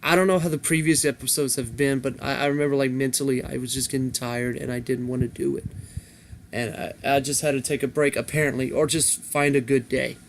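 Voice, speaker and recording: A man's voice: mid-range voice, fairly bright tone, slight background noise. A young man hosting a solo podcast, rambling casually with lots of restarts and fillers. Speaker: podcast host.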